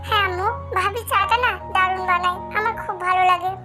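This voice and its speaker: A man's voice: very high voice, steady tone, fast, bright, forceful tone, soft background music, heavily acted. A woman voicing a young man in love, tender and pleading. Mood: earnest.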